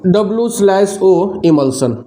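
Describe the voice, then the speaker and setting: A male chemistry teacher giving a lecture, speaking loudly and quizzing students with repeated questions while dictating terms slowly. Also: sits high, lively intonation. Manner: speaks loudly over nearby noise. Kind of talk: classroom lecture.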